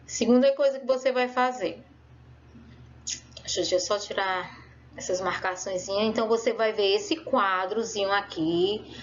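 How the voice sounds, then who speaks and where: A woman's voice: mid-range voice, slight background noise. Patient woman teacher, lo-fi. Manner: patient, drawn-out explaining, fond of diminutives. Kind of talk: remote classroom lesson. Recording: dull lo-fi recording.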